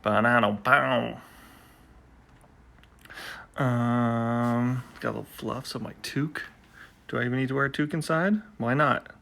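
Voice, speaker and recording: A man's voice: mid-range voice, steady tone, moderate pace, vocal fry, a bit bright. A man hosting his own live poetry stream, chatting and teasing viewers in a rambling way while he waits to start, recorded on a phone indoors at home. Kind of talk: casual chat to live viewers.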